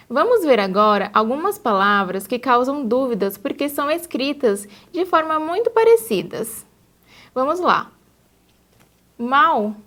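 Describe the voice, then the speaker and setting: Slow, high-voiced woman teaching a lesson. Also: a bit bright. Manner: slow, deliberate, didactic. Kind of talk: scripted lesson narration.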